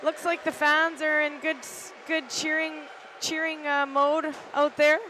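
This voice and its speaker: A middle-aged woman giving casual, halting live play-by-play commentary from an arena balcony, with lots of "uh" fillers. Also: sits high, flat delivery, pushed and bright, slight background noise, low-quality recording. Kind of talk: live amateur sports commentary. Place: arena balcony above the rink.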